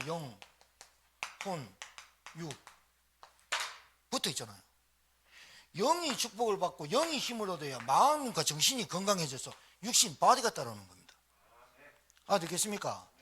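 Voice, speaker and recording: A man's voice: high-pitched, bright, forceful tone, breathy edge. A male pastor preaching a live sermon in a church, exhorting the congregation with short repeated phrases and calls for response. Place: church sanctuary, live service.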